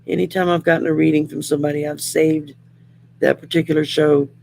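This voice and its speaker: A middle-aged woman with a raspy, worn whiskey voice hosts a casual live chat in an unhurried, rambling, plain-spoken way. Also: low-pitched, level tone, warm tone, a little hiss or hum. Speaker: live show host.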